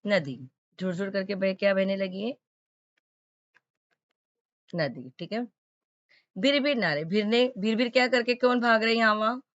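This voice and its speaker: A woman's voice: medium pitch, lively intonation, unhurried, long pauses, fairly bright tone, no room sound. A woman explains a school lesson to young students in a patient, teacherly way, stopping often to check that they follow. The recording is dry and close, with a slightly dull, lo-fi tone. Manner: patient, repeatedly checking understanding.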